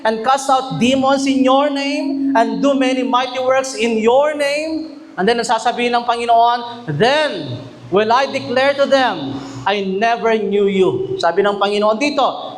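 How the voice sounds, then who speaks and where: High-voiced male pastor. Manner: mixes English and Tagalog, often asks the congregation questions, reads verses slowly. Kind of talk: sermon. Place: church chapel.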